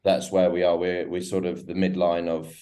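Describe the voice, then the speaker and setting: A low-pitched man with a dark tone and level delivery speaks at normal speed as a guest interviewed over a remote call. He has a foreign-sounding accent, co-founded a South African company, and often restarts and hesitates.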